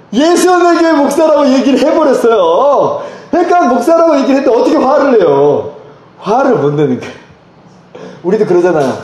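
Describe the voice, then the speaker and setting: Animated man preaching in an echoey church. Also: very high-pitched. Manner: animated anecdotal storytelling with laughter. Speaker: pastor. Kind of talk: storytelling sermon. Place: church sanctuary.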